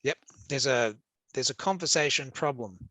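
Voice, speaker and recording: Upbeat Australian male teacher, bright voice. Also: medium pitch, expressive, normal speed, no echo. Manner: upbeat, joking, encouraging with quiz points. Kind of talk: interactive classroom teaching.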